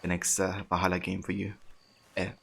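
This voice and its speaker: A young man livestreams in a deep voice with vocal fry. He chats casually and haltingly in a flat tone, with faint game ambience behind him. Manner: hesitant, pausing, reads chat aloud. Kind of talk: casual game-stream chat.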